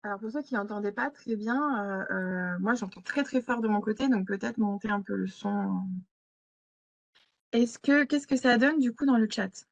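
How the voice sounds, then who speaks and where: A woman's voice: mid-range voice, normal speed, gravelly, no room sound. A woman trainer leading a live online session, hesitant with many fillers as she reads out chat replies. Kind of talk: live webinar teaching. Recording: slightly muffled webinar audio.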